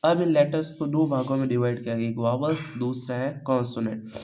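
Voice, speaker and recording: Speaking fairly quickly at medium pitch with fairly even intonation and a slightly mellow tone, an Indian English teacher takes a coaching class through pronunciation, asking and answering his own questions and repeating key points as questions. The low-quality recording has slight background noise.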